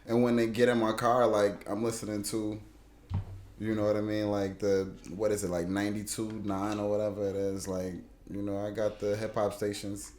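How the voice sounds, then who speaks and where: A man with a fairly low voice chats casually as a podcast co-host. His talk is slangy and he often repeats a point for emphasis. The sound is noticeably roomy. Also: level tone, normal speed, a little mellow.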